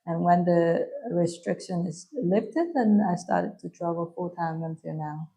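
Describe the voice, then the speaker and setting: A Vietnamese-accented woman in her thirties speaks in a somewhat low voice. She answers questions in English in a soft, hesitant way. Her many ums and small pauses keep the pace unhurried. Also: gravelly. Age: 30s. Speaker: guest. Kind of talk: casual interview answers.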